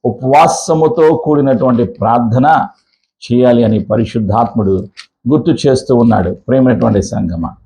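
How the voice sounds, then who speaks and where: A man's voice: mid-range voice, creaky, warm tone, rough recording. Emphatic male pastor preaching a sermon. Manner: emphatic preaching with rhetorical questions and repetition; drawn-out slow phrases in series. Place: church.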